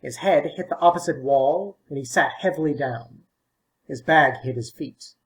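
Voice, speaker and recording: A man narrating a short story in a measured, plain reading style. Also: on the high side, low-quality recording. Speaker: audiobook narrator.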